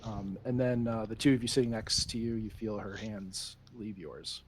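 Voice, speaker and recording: Hushed, halting male game master. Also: fairly low pitch, steady tone, slight background noise. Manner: hesitant, hushed narration with many fillers. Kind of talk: narrating a tabletop horror game.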